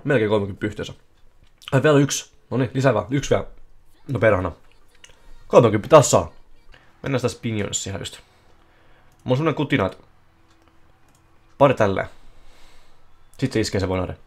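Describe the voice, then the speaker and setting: A man streaming casino slot games live, giving excitable running commentary that bursts into yelling at big wins. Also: on the low side, long pauses, breathy edge. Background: faint music playing.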